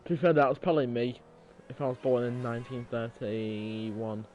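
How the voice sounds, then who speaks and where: Excitable man calling out gameplay. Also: medium pitch, dull audio, a little hiss or hum. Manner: excitable quick game callouts. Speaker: podcast co-host playing the game. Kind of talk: casual gaming chatter.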